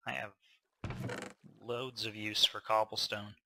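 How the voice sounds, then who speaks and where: A man's voice: lowish voice, flat delivery, slow pace, creaky, noisy background. A man casually narrating his gameplay, thinking aloud with fillers, a little tired. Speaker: gameplay commentator.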